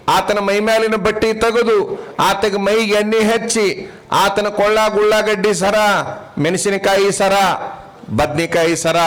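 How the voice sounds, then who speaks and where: Man, swami preaching, North Karnataka accent, high voice, emphatic, storytelling, phrases stacked in lists. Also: fairly bright tone. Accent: North Karnataka Kannada. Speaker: swami giving a blessing address. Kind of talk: storytelling sermon.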